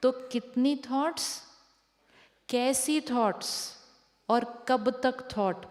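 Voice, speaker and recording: A woman's voice: sits high, extremely slow. A woman giving a spiritual discourse to an audience as a teacher, repeating rhetorical questions to them. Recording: long hall reverb.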